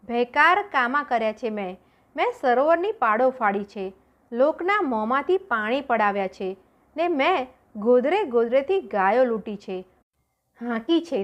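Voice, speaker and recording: A woman's voice: on the high side, animated, unhurried. A woman voicing a boastful male warrior now terrified, wailing and pleading as a storm threatens his ship. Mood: confessing. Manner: panicked wailing.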